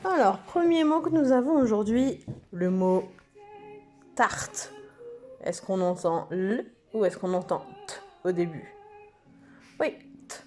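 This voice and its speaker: A woman teaching preschool children, speaking slowly and stretching out each word and letter sound. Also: mid-range voice, lively intonation, a little mellow, soft background music. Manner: slow, sing-song, stretches out words and letter sounds. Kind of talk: slow lesson for young children.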